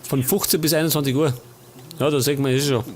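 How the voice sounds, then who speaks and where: A man's voice: fairly high pitch, steady tone, fast, darkish tone, slight background noise. A man with a Bavarian accent casually commenting on a life-sim game as a let's play host, chatting and grumbling at the characters.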